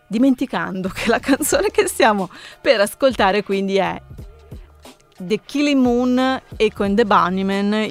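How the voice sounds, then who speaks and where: A woman hosting a live late-night radio show from a studio, chatting frankly about songs and reading listener messages, with frequent hesitations and fillers. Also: mid-range voice. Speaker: radio host. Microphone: studio microphone.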